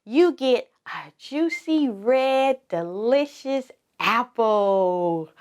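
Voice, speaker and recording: A woman's voice: a little high, lively intonation, extremely slow, a little mellow. A woman hosting a kids show, speaking in an encouraging sing-song way to small children, with simple, repeated phrases. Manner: enunciates simply with repetition. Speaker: children's circle time host. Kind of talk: kids show host, teaching preschoolers.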